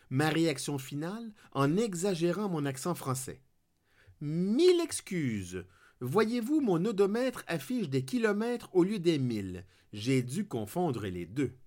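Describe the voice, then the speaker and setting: A man's voice: fairly high pitch, darkish tone. A man reading his own humorous anecdote in wry, ornate prose. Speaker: columnist narrating a personal anecdote. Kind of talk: scripted humorous narration.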